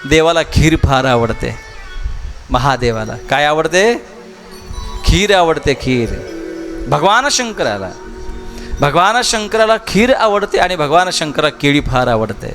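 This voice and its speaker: A man's voice: on the high side, lively intonation, measured pace, pauses often, fairly bright tone, faint music behind. A man preaching a devotional katha sermon with a Marathi accent, full of rhetorical questions to the crowd and repeated phrases. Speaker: kirtan preacher telling the Shiv Mahapuran katha. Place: large public gathering at a festival.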